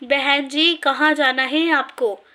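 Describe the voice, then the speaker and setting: A woman's voice: high voice, steady tone, takes it slowly, bright, forceful tone, heavily acted. A woman voicing a matter-of-fact male bus conductor in a read-aloud story.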